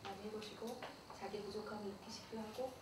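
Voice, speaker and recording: Animated middle-aged woman lecturing in an echoey hall. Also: medium pitch, fast talker. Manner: animated, playful and confiding. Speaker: pastor's wife giving a camp lecture. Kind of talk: church camp lecture on dating. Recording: echoey hall, far mic, noisy.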